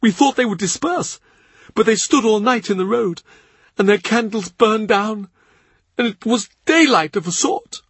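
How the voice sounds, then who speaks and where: Crying through his tale, a grieving male servant, a tearful gentleman, is voiced by a man in an audiobook reading, his storytelling breathless and choked with tears. It's a full character voice, pushed up high, a bit bright and husky, slightly slow, with no room sound.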